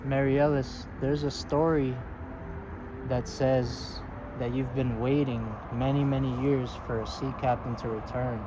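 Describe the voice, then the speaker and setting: A man with a mid-pitched voice hosts a casual outdoor ghost hunt. He speaks politely and coaxingly, as if to someone unseen, and explains things simply. Clear traffic and city ambience runs behind him. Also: flat delivery, unhurried. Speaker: paranormal investigator hosting a video. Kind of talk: casual narration and gentle questions to spirits. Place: outdoors at a roadside parking lot grave site.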